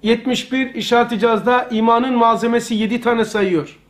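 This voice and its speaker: A man's voice: extremely high pitch, steady tone, brisk. A man teaching a religious study lesson to a live circle of listeners, talking conversationally and repeating key phrases for emphasis.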